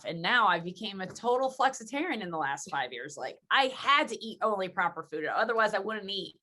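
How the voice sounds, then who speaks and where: Bright-voiced woman hosting a chat. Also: medium pitch. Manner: chatty storyteller, acts out quoted dialogue. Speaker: podcast host. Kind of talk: casual conversational interview.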